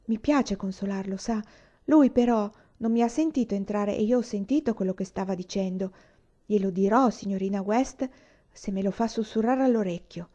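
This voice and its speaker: A woman's voice: medium pitch, moderate pace, mellow, lo-fi sound, lightly acted. A woman voicing a timid, tearful little girl who pleads earnestly in an audiobook reading. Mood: pleading. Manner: earnest, imploring, stammering.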